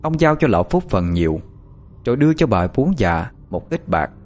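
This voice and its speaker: Brief: expressive male narrator, animated delivery, fairly low pitch. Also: normal speed, soft background music. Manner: expressive, dramatic storytelling. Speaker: audiobook narrator. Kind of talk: scripted story narration.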